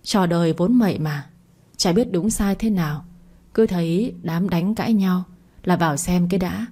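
At a moderate pace, a woman gives a steady, scripted reading of a long family drama. Her low voice is mellow and warm rather than bright, and she speaks the characters' lines without putting on different voices.

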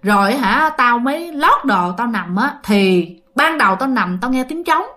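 A woman's voice: fairly high pitch, expressive, measured pace, sharp tone. A woman voicing a startled male construction worker who bluntly retells being dragged off scaffolding at night. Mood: shaken, indignant. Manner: agitated, blunt slangy retelling.

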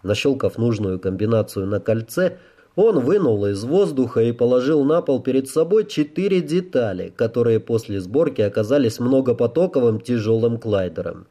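A man narrating an audiobook in a steady, even read. His voice has a dark, mellow timbre at a middle pitch. The delivery is scripted and measured.

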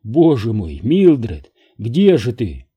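A man's voice: medium pitch, big pitch swings, drawn-out words, muffled recording, heavily acted. A man reading an audiobook, voicing a dead woman's spirit who speaks through an entranced man, pleading and tearful. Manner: pleading, tearful, rising to fury.

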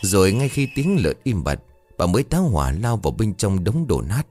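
A man narrating a comic village story in a lively, playful way. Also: on the low side, normal speed. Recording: dry voice with faint music bed.

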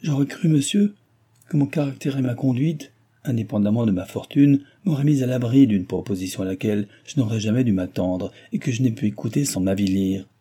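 A man's voice: medium pitch, normal speed, warm tone, slightly rough, close to an everyday voice. A man voicing a proud young woman who answers with firm indignation and reproach. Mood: indignant.

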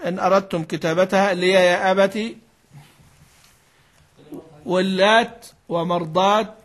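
High-voiced man explaining recitation rules. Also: fairly even intonation, moderate pace, a bit bright. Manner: explains patiently, repeats key words, asks and answers himself. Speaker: sheikh teaching Quran recitation. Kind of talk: classical Arabic lesson commentary.

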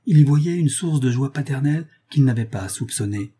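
A man narrating a classic novel as an audiobook in a measured, dramatic way. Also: mid-range voice, animated, warm tone, slightly rough. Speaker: audiobook reader.

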